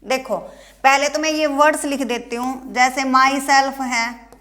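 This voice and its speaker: A woman's voice: sits high, steady tone, measured pace, fairly bright tone. A woman with a Haryana Indian accent teaching an English grammar lesson, asking the students questions and answering them herself.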